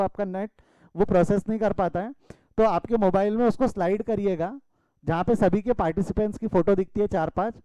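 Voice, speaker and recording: A man's voice: high voice, mellow, clear, resonant tone, no room sound, low-quality recording. A male commerce teacher from India giving an online class lecture over a video call, calling students "beta" and scolding them playfully.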